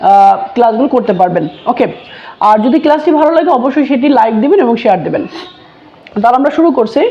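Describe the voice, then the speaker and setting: A woman's voice: high-pitched, dark tone, dull audio. A woman teaching letter sounds, saying each one twice and then asking and answering her own questions. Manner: slow, repeats each sound twice, asks and answers herself. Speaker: English teacher. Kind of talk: teaching lesson.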